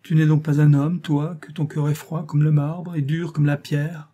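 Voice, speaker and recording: A man's voice: fairly high pitch, flat delivery, moderate pace, dark tone, voice pushed up, natural voice. A man reading an audiobook voices a young peasant girl desperately in love, crying out her pleas with passion. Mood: desperate pleading. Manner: pleading, impassioned cries.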